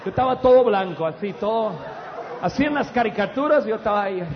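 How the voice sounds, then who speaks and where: A middle-aged preacher with a very high voice, telling stories in an animated, loud rush with stammered restarts. His voice carries through a long-echoing hall on a dull recording, a congregation faintly audible behind him. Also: fast, some chatter behind, a little hiss or hum. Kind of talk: humorous storytelling sermon. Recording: dull, echoey hall with audience.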